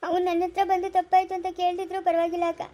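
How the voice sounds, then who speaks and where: A woman voicing the ghost of a wronged young woman who speaks softly and pleads. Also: very high-pitched, monotone, very fast, pitched above the performer's own voice. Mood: sorrowful.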